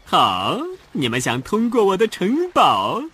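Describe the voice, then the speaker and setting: A woman's voice: lowish voice, huge pitch swings, a little slow, fairly bright tone, slightly rough, exaggerated voice. Showy, swooping cartoon squid guy. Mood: bossy, testing. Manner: sing-song chanting, theatrical swings. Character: showy, bossy male singing squid guarding a sandcastle. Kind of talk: children's cartoon dub acting.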